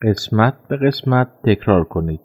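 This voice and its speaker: Low-voiced man giving lesson prompts. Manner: calm instructional, measured prompts. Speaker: language course narrator. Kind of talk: scripted language lesson instructions. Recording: tinny phone-like audio.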